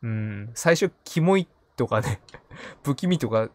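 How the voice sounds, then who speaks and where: Animated male game streamer. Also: mid-range voice, slow. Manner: playful muttering to himself, repeating short phrases. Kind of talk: live gaming commentary, casual.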